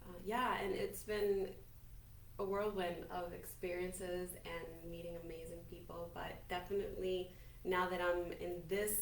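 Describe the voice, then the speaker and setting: A woman's voice: on the low side, little pitch movement, unhurried, distant mic. A woman in her forties, a native Spanish speaker from Colombia, telling her life story as a podcast guest in a chatty, upbeat, self-assured way. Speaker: podcast guest, business owner. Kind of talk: casual interview talk. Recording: roomy, from off-mic, faint hiss.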